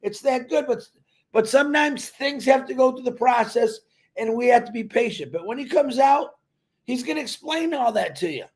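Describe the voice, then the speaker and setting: Loud, gravelly high-voiced man. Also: lively intonation, moderate pace. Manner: loud and emphatic, calls himself a big mouth; repetitive, folksy storytelling. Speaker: company promoter speaking to members. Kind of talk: loud motivational live talk.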